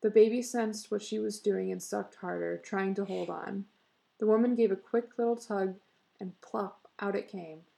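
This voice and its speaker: A woman reading a short story aloud in a steady voice, breaking into laughs now and then. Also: mid-range voice, moderate pace, creaky. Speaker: reader.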